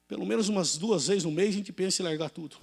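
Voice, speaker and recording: A man with a very high-pitched voice preaches a live sermon, telling his own testimony. He moves between shouted praise and hushed, confiding stretches. The church microphone carries a long reverb through the hall. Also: fast, vocal fry, slightly rough. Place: church sanctuary.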